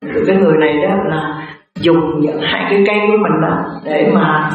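Echoey distant nun giving a sermon. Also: female voice, low voice, fairly quick, crowd noise. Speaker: Buddhist nun teaching. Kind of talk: sermon with storytelling. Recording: very echoey, distant, dull lo-fi sound.

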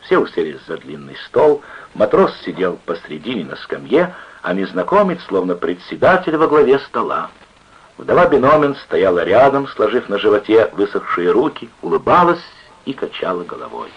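A man narrating a story with expressive, lively reading, on an old lo-fi radio recording. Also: lowish voice, normal speed, slightly rough.

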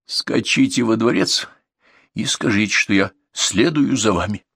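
A man's voice: lowish voice, unhurried, gravelly, fairly bright tone, slightly rough, dry recording, clean studio sound, full character voice. A man voicing a kindly, emotional king in a storybook, speaking in a raised, overwhelmed voice.

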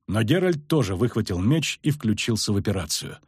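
A man narrating a fantasy audiobook with dramatic, expressive delivery. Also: fairly low pitch, a little fast, slightly rough, no echo, clean studio sound.

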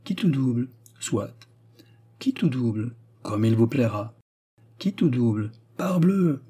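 A man's voice: mid-range voice, expressive, takes it slowly, warm tone, husky. A man voicing a proud hunchbacked count who gambles away his fortune, speaking with defiant dignity. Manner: defiant, then dignified refusal.

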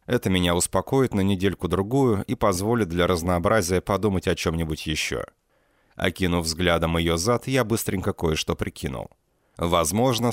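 A male audiobook reader delivers first-person narration in a deep, deadpan, sardonic voice with expressive rise and fall. The recording is dry and close, with no room sound.

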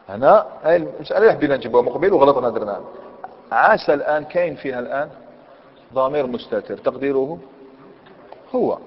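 A man's voice: medium pitch, breathy edge. A man with an Algerian Arabic accent teaching a grammar lesson. He quizzes his students, repeats key points, and reads a commentary aloud before explaining it. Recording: echoey hall, dull lo-fi sound.

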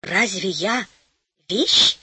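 A woman reading an audiobook, voicing a gentle dream maiden made of cloud, speaking in a soft, hushed, coaxing way. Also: fairly high pitch, sing-song, measured pace, breathy edge, dry recording, heavily acted.

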